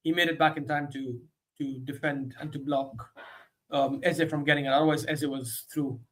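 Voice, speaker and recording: Man, football watchalong host, live match commentary, excitable, muttering then shouting. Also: normal speed. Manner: excitable, swings from low muttering to sudden shouts.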